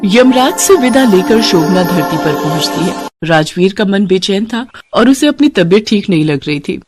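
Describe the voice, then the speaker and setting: Woman narrating a storybook tale. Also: medium pitch.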